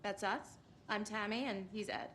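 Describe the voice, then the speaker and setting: A woman's voice: medium pitch, steady tone, normal speed, a bit bright, close to an everyday voice. A woman playing a brash, sardonic writer in a video game. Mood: wry, defensive. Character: brash, sardonic female true-crime writer. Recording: faint background ambience noise.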